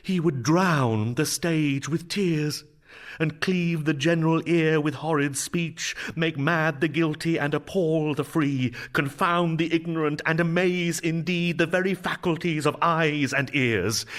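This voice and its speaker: A man playing a brooding, grieving young prince in a Shakespearean drama, with a theatrical, emphatic delivery that moves between hushed and declaiming. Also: fairly high pitch. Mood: raging. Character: grieving, brooding young prince Hamlet, self-lashing and vengeful.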